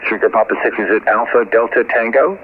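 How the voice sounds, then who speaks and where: A man with a mid-range, fairly even voice speaks quickly as an amateur radio operator making a ham radio call. He spells call signs in the phonetic alphabet with many fillers, heard as a shortwave transmission on a tinny radio band with faint static.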